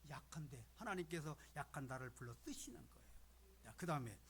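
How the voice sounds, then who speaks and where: A man in his seventies, a retired pastor, preaching in a folksy, animated way that sometimes drops to a hush. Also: medium pitch, a little fast, slight background noise. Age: 70s. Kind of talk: sermon. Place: church sanctuary.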